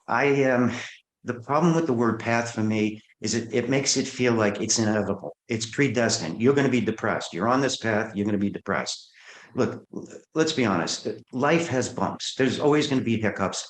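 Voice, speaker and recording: Male therapist guest, earnest storyteller, low voice, echoey room. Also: normal speed. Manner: earnest, acts out client dialogue. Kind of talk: interview storytelling.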